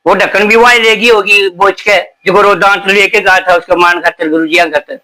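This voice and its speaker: Holy man as interview guest, high-pitched, rambling and emphatic. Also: fairly even intonation, normal speed, pushed and bright, rough recording. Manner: emphatic, rambling, heated defence. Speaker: sadhu guest defending his guru. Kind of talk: interview answers.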